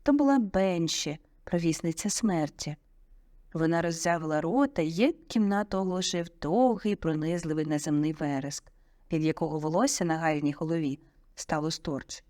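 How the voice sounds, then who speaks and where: A woman narrating an audiobook in a vivid, expressive storytelling manner on a close studio mic. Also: deep voice, normal speed, dry recording.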